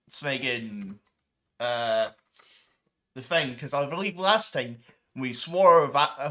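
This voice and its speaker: Rambling bright-voiced gaming streamer man. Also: fairly high pitch. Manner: rambling, many ums and restarts, mild swearing substitutes. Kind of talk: casual gameplay commentary.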